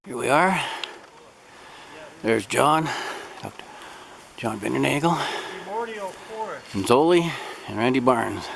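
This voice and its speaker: A middle-aged Canadian man with a gruff voice, giving casual, folksy commentary as he films an outdoor vlog. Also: mid-range voice, expressive, takes it slowly, pauses often, a crowd in the background. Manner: folksy, laid-back, colloquial with tag "eh". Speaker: amateur Sasquatch researcher filming his outings. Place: outdoors in bushland. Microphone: handheld camera mic. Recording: noisy handheld outdoor camcorder audio.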